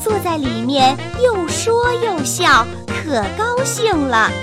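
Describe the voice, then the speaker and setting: A woman tells a children's bedtime story in a slow, sing-song way. Her voice sits high and moves a lot, with clear music playing underneath. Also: big pitch swings. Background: soft music.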